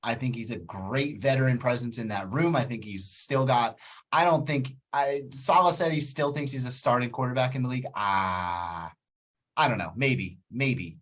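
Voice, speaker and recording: A man's voice: medium pitch, moderate pace, a bit bright. A man co-hosting a fan podcast, chatting about football in a laid-back way, often trailing off at the ends of sentences. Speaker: podcast co-host. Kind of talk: casual sports chat.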